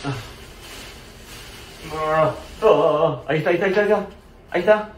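A slightly high voice at a somewhat fast pace, with a roomy sound, belongs to an Argentine vlogger in his thirties. He talks to his followers from home, mostly the kitchen, casually but with dramatic exclamations and plenty of repetition. He records on a handheld phone at varying short distances, and the audio is noisy.

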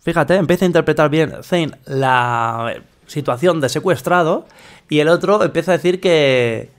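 A man giving casual, animated reaction commentary on roleplay clips, repeating himself. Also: on the high side, normal speed. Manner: animated, repetitive, laughing asides.

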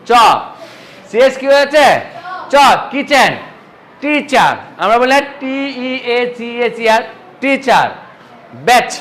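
A man's voice: very high-pitched, a bit bright, low-quality recording. A man teaching an English pronunciation lesson, who asks his class questions and answers them himself.

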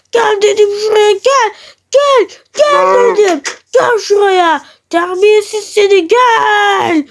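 A high-voiced player dropping their pitch to voice a sneaky male thief who steals animals in a block-building game role-play, gloating and making threats.

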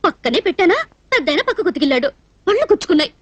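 A woman's voice: very animated, a bit bright, no room sound, exaggerated voice. An actress playing a naive, lovesick young woman in a film comedy scene. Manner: high, quick, plaintive.

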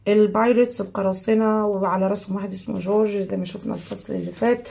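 A woman's voice: mid-range voice, fairly even intonation, rapid-fire, gravelly, dark tone. A young woman with an Egyptian Arabic accent, teaching secondary school students English vocabulary word by word and mixing English terms into Arabic. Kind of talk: vocabulary lesson.

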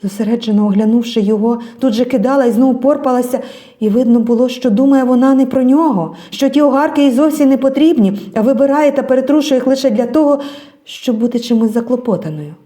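A woman reading a literary story in a quiet, hushed way, trailing off into a whisper at phrase ends. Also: a little high, fast talker. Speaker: reader.

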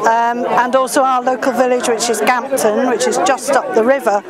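A woman in her sixties speaks with an English accent in a distinctly high voice. She is chatting casually in an outdoor interview, with a loud crowd all around her. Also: flat delivery, moderate pace. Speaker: town crier's escort, interviewee. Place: outdoors in a public garden by a fountain. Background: busy crowd noise.

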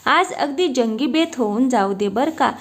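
A woman's voice: high voice, lively intonation, a little slow. A woman voicing a playful, affectionate young husband who teases his wife, in a storybook reading. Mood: teasing. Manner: teasing, affectionate.

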